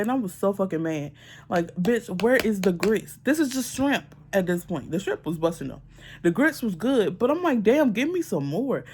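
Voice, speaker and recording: A young woman vlogging casually, telling a story in an animated, profane, exasperated rant with lots of slang. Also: mid-range voice. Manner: colloquial slang-heavy speech.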